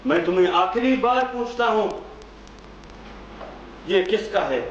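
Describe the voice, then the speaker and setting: An actor playing a cruel police officer who barks orders and abuse at a prisoner. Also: male voice, sits high, a little slow, highs cut off, a little hiss or hum. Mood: menacing. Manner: barking orders, abusive. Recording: echoey room, far from mic, loud music.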